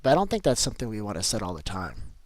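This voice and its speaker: A man's voice: lowish voice, huge pitch swings, very fast, dry recording. A man streaming a game live, chatting casually with viewers and reading out their messages, swinging between upbeat and grumbling. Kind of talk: live-stream chat while playing.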